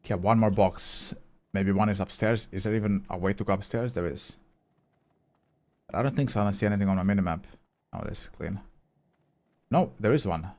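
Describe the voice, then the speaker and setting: His voice is lowish and somewhat dark, and he speaks briskly but leaves long pauses while streaming a game live. He thinks aloud as he plays, chats easily with viewers about their messages, and sometimes swears.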